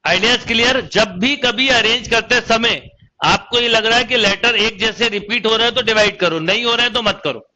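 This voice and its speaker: A man's voice: very high voice, moderate pace, sharp tone, highs cut off. A young man with a Hindi accent teaching math in an online coaching lecture, calling students "beta" and counting through each step aloud. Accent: Indian Hindi.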